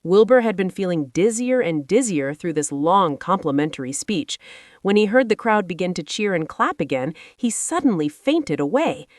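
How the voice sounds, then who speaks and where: A woman storyteller giving an expressive scripted narration of a children's book. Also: lowish voice, moderate pace, dry recording, studio quality.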